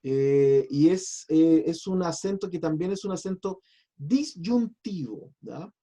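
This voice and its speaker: A man's voice: on the high side, unhurried, warm tone. A man, a pastor teaching a biblical Hebrew class in a patient, chatty, explanatory way. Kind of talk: online class lecture.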